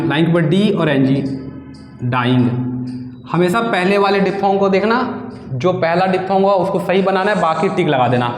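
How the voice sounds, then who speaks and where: A man teaching shorthand, explaining patiently step by step, repeating words and asking his students questions. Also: on the high side. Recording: echoey room with long reverb.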